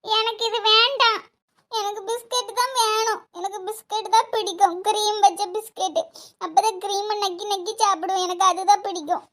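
A woman's voice: very high-pitched, steady tone, moderate pace, a bit bright. A woman voicing a grown woman who acts like a whiny five-year-old in a cartoon, with a Kanyakumari Tamil accent and a childish, sing-song way of talking. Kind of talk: cartoon voice acting.

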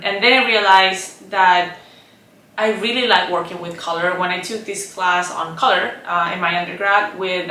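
A lowish-voiced woman from Chile, in her thirties, reflects thoughtfully on her work as a visual artist for a documentary, speaking softly with frequent "like" and "um." The distant mic catches slight background noise and the echo of her roomy indoor painting studio.

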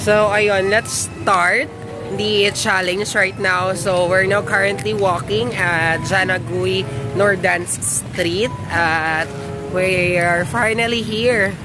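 Slow Taglish-mixing Filipino woman vlogger. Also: mid-range voice, steady tone. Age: 20s. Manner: mixes Tagalog and English; halting, self-correcting second-language English. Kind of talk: casual vlog chat. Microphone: phone at arm's length. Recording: loud music behind.

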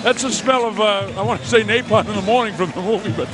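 A male boxing commentator calls the scene live and excitedly from ringside in a very high-pitched voice, while loud music plays behind him. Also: fast, crowd noise. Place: ringside in an indoor arena. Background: loud walkout music.

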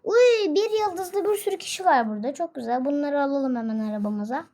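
Excitable high-pitched woman narrating gameplay. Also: fairly quick. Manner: chatty and excitable, frequent exclamations and laughs. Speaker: gaming video host. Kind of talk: casual gameplay commentary.

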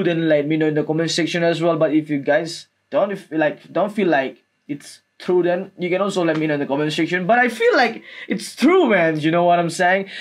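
Higher-pitched young man. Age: 20s. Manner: halting, repetitive, peppered with "like" and "man". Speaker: music video reactor. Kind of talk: casual reaction commentary. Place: small room indoors. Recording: music playing behind the voice. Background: music from the video being watched.

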